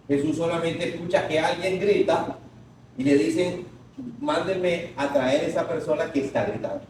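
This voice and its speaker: A high-voiced man delivers a sermon from a distance. His words ring out through a very echoey church hall. He leads the congregation in call-and-response and lets some lines burst into shouts. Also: a little hiss or hum. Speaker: pastor. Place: large echoing church hall.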